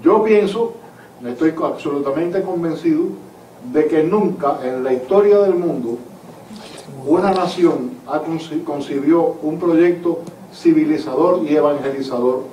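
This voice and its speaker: A man's voice: fairly high pitch, warm tone. Cuban-born man lecturing in an echoey hall. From Cuba. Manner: earnest, emphatic lecturing. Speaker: author and historian. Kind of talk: answering audience questions at a book talk. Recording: echoey hall from far off, faint noise.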